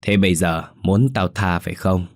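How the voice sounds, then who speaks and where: A man voicing a gruff, mocking old male ghost who guards a graveyard, in a scolding, coarse manner. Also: deep voice, normal speed, dry recording.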